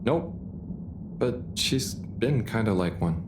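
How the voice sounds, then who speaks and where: A man voicing a gentle, naive and kindly video game character who talks in a mild, hesitant, earnest way. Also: on the low side, expressive, slow pace, noisy background. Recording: music behind the voice. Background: clear music.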